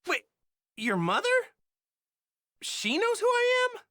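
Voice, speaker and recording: In an anime video game dub, a woman voices a naive, cheerful male martial arts hero who's hungry for battle. She uses a very high, exaggerated voice at a slow pace, sounding amazed, with a folksy, boyish, excitable manner.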